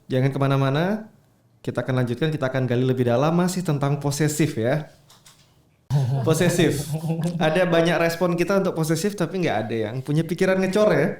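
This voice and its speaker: A man hosting a podcast discussion, leading the panel with questions and slow, emphatic phrasing. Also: on the high side, a little mellow, reverberant. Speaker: podcast host. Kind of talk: hosting a true-crime discussion.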